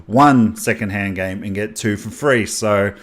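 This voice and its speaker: A young man hosting a casual video game haul, talking excitedly and rambling, often restarting and correcting himself mid-sentence. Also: lowish voice, a little slow. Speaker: gaming channel host.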